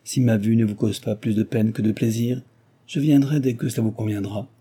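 A noble mother speaks with gentle, earnest dignity, as a man reading an audiobook voices her. The voice is deep, very dark and husky. Her phrasing stays stately and measured. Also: steady tone.

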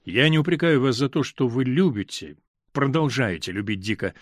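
A man's voice: medium pitch, lively intonation, moderate pace, no room sound, clean studio sound, natural voice. A male reader voicing an impatient, insistent man in love, ashamed of deceiving a friend.

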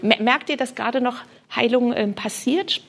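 A woman's voice: a little high, normal speed, fairly bright tone. A woman preaching fervently at a healing service, often dropping to a whisper and repeating hallelujah. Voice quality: breathy, often drops to a whisper. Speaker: preacher leading a healing prayer session. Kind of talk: charismatic sermon and prayer ministry.

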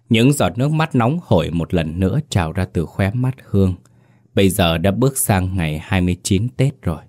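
Low-voiced guy reading a ghost story, steady and suspenseful. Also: no room sound, studio quality. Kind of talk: scripted horror story narration.

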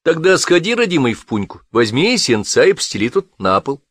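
A man's voice: a little high, very animated, brisk, slightly rough, dry recording, voice pushed up. A man doing a kindly old village woman. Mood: welcoming. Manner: sing-song, endearing.

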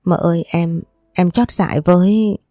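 A woman's voice: on the low side, unhurried, mellow, dry recording, studio quality, close to an everyday voice. Woman doing a timid, stammering servant girl. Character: young servant girl, frightened and tearful.

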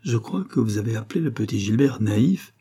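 A man's voice: lowish voice, lively intonation, a little fast, mellow, breathy edge. A man voicing a haughty, scornful queen with a biting, contemptuous delivery.

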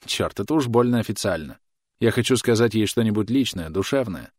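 Man voicing a loud cheery young soldier. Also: on the low side, lively intonation, a little fast, no room sound, clean studio sound. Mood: jovial. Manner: boisterous, shouting across a field.

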